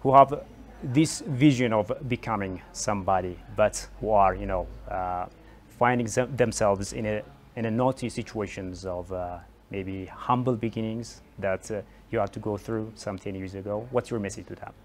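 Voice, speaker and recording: A man hosting a broadcast interview in a TV studio speaks in a low-pitched voice. He pauses often, filling gaps with "uh" and restarting his questions. A faint studio ambience sits underneath. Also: slight background noise. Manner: halting, many fillers and restarts. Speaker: TV talk show host.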